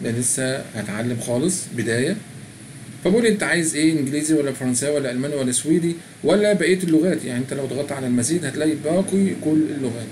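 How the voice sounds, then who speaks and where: A man's voice: on the high side, rapid-fire, darkish tone, slight background noise. A middle-aged man with an Egyptian Arabic accent, walking through a language app in a chatty way and reading its prompts aloud. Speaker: tutorial presenter. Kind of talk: screen-recorded app walkthrough.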